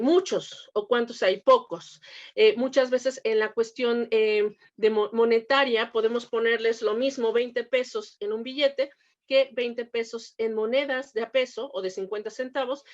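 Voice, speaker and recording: A woman lectures teachers in a slightly high voice, explaining patiently and posing rhetorical questions. Her phrases often restart with fillers. The audio is dull and lo-fi, like an online class. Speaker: teacher trainer. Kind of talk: recorded lecture on preschool math teaching.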